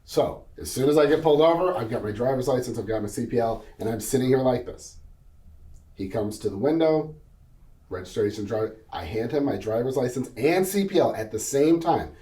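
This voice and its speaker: A man's voice: mid-range voice, lively intonation, a little fast, dark tone, far from the mic. A man on a business panel telling a personal story in an earnest, vivid way, acting out each voice of the conversation. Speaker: panel guest. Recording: roomy sound from off mic.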